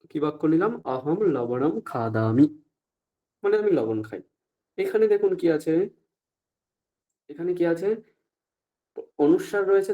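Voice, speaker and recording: A man teaching Sanskrit pronunciation in an online class, often stopping to ask if everyone follows and saying the examples out slowly. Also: a little high, mellow, lo-fi sound. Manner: asks the class frequent check-up questions, slow deliberate recitation of examples.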